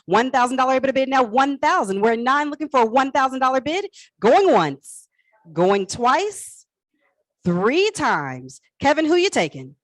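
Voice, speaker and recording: A woman with a high, animated voice works a live auction as auctioneer and host. She repeats her bid prompts playfully and chattily, in a dry, close sound. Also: moderate pace, no echo.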